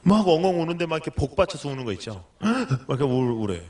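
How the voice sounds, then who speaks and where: A man's voice: fairly high pitch, big pitch swings, fast, darkish tone. A middle-aged male pastor preaching a sermon, telling a story and acting out the lines of the people in it.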